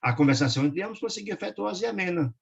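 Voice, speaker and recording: A man leading a study group, reading a religious book aloud and breaking off for warm asides. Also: high-pitched, expressive, rapid-fire, creaky, breathy edge, muffled recording. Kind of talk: reading and commenting a spiritist book.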